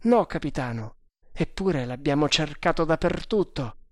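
A man's voice: fairly high pitch, animated, normal speed, a little mellow, no echo, clean studio sound, lightly acted. A man voicing a hunter and secret traitor who reports back in a subdued way. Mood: downcast. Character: wary male hunter, traitor feigning discouragement.

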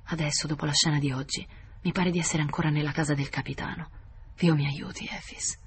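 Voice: medium pitch, a little fast, a little mellow, a little hiss or hum, close to an everyday voice. A reader voicing an anguished, impulsive young man who pleads and breaks into whispers, in an audiobook. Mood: pleading. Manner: emotional, pleading, sometimes whispered. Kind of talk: audiobook character voice.

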